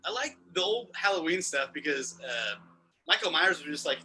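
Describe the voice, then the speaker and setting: A man's voice: on the high side, animated, moderate pace, noisy background. A man chatting casually as a brewery guest on a festival stream, rambling with lots of "like" fillers. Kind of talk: casual chat.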